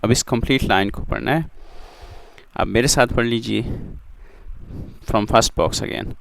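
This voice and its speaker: A man teaching Quran letter sounds in a lesson, stretching out each syllable and repeating letters loudly for learners to follow. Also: medium pitch, slow pace, gravelly. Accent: Urdu-speaking. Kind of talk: slow recitation lesson.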